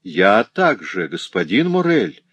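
A man reading an audiobook and voicing a merry young seamstress in a lively, eager tone. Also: lowish voice, slow pace, breathy edge, no room sound, heavily acted. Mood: friendly.

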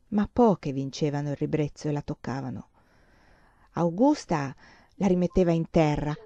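A woman reading a novel aloud in a calm, measured way, on a slightly dull lo-fi recording. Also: lowish voice, no echo. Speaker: audiobook reader. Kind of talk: literary audiobook narration.

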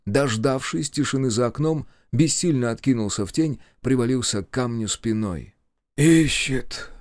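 Brief: male narrator, measured story reading, mid pitch, dry. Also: a little mellow, no echo. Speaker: audiobook narrator. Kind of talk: scripted narration.

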